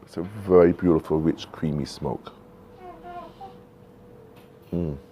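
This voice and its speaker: Very deep-voiced, unhurried man, noisy recording. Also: warm tone. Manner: unhurried, musing, pausing often. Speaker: pipe tobacco reviewer. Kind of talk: casual vlog chat. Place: covered porch outdoors at night. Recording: noisy home-made outdoor recording.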